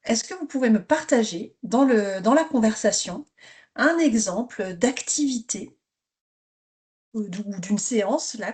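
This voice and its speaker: A woman's voice: on the high side, darkish tone, slightly rough. A woman leading an interactive online workshop for teachers, encouraging participants to share, speaking over a video call. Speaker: teacher trainer leading a webinar.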